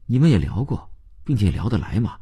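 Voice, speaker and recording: A man voicing an earnest, middle-aged father who gently scolds and coaxes his daughter in an audiobook. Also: fairly low pitch, sing-song, fairly quick, husky, voice pushed up, exaggerated voice.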